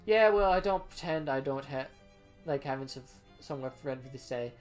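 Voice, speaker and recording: A man's voice: a little high, moderate pace, lightly acted. Casting: male performer as sheepish, shifty small-time thief, defensive confiding talk, music underneath. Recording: music behind the voice.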